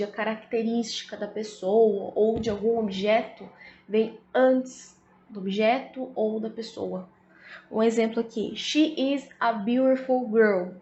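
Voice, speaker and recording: A woman with a Brazilian Portuguese accent teaches in a casual style, slowing down to check that her listeners follow. Her voice sits a little high. The recording is roomy and a bit muffled. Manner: explains slowly, often adds "né?" and "tá?". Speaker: English teacher. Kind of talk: casual video lesson. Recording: echoey room, slightly dull audio.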